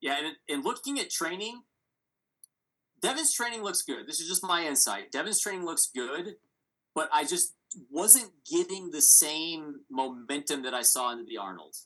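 Bright-voiced man thinking aloud. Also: fairly high pitch, lively intonation, normal speed, poor audio. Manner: thinks aloud, rambling analysis. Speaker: podcast co-host. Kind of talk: casual sports chat.

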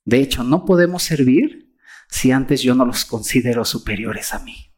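Animated preacher with a Mexican accent. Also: mid-range voice, normal speed. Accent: Mexican Spanish. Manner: animated, acts out mocking quotes of others. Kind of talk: sermon.

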